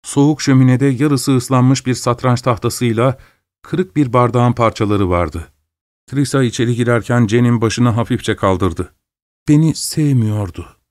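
A man narrating a spooky story in a measured, dramatic way. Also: mid-range voice, fairly even intonation, a little mellow, no echo, clean studio sound.

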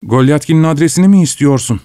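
A man's voice: on the high side, lively intonation, fast, dark tone, no echo, voice pushed up, close to an everyday voice. A man reading aloud and voicing a drunk, insolent male servant who repeats himself stubbornly; dry, close recording. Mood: obtuse.

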